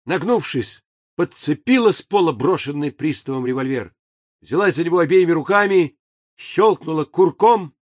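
A man narrating an audiobook in a measured, even storytelling manner. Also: fairly high pitch, dry recording. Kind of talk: scripted narration. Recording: dry booth recording.

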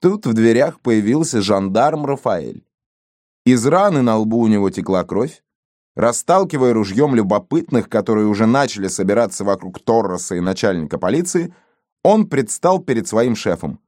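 A man reading a story aloud as narrator, with expressive storytelling. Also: fairly low pitch, normal speed, no room sound, studio quality. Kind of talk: audiobook reading.

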